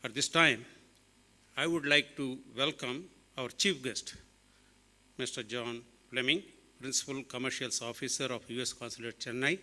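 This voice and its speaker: A company executive delivers a prepared welcome speech at a measured pace. His voice is very bright and forward. The sound carries a long reverb from a large hall. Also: medium pitch, fairly even intonation. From USA.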